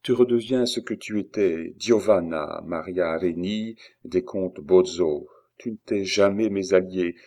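A man's voice: low-pitched, measured pace, warm tone. A man reading aloud, voicing an earnest, devoted young engraver who reassures his wife. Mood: tender.

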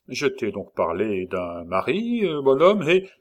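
A man's voice: mid-range voice, wildly swooping pitch, unhurried, voice pushed up. A man voicing a jovial, mocking and menacing male traveling salesman in an audiobook, teasing with many fillers. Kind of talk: audiobook character voice.

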